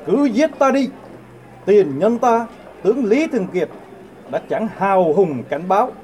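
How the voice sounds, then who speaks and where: A man's voice: high voice, big pitch swings, measured pace, rough recording. An actor playing a fearless captured general in a historical drama, solemnly declaiming defiance at his captors. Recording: loud crowd noise behind.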